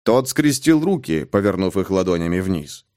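Male audiobook narrator, dramatic thriller reading, lively rising-and-falling pitch. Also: moderate pace. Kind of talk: scripted narration.

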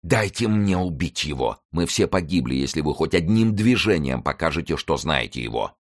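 A man voicing a bold, quick-witted young musketeer in a novel reading, speaking loud and brash. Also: extremely low pitch, lively intonation. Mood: urgent.

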